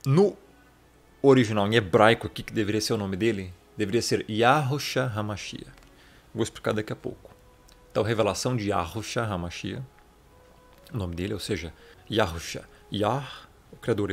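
Man teaching a casual Bible study. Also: lowish voice. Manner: explanatory, addresses viewer as brother.

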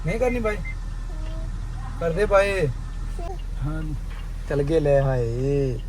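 A man's voice: fairly high pitch, lively intonation, slow pace, darkish tone. Casual dad vlogger in a car, joking with his kid, engine noise underneath. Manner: teasing, playful with his child. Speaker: vlogger, father. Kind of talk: casual family vlog chat.

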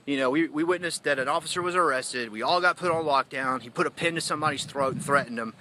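A man's voice: a little high, quick pace, sharp tone, a little hiss or hum. A man ranting in an emotional phone livestream, heated and accusatory, rambling with many asides. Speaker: citizen activist livestreaming.

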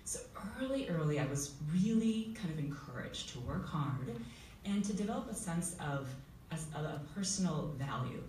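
Lively low-voiced woman panelist, echoey hall. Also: moderate pace. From Uganda. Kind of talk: personal story at a panel. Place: school hall with audience. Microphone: table mic heard from far camera. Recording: echoey hall from far off, faint noise.

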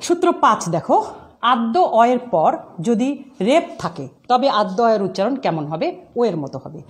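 A woman's voice: fairly high pitch, big pitch swings, moderate pace. A woman teacher giving an online class, explaining rules step by step, repeating examples and asking questions.

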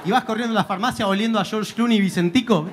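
A man's voice: high voice, very fast, noisy background. A man with a Buenos Aires accent doing stand-up comedy in a club, speaking in a punchy, slangy way. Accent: Argentine, Buenos Aires. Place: comedy club stage with audience.

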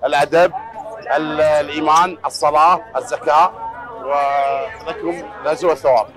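A man from Dhi Qar, talking haltingly with many pauses outdoors. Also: fairly high pitch, steady tone, crowd noise. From Dhi Qar, Iraq. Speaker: procession pilgrim. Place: outdoors in a crowd.

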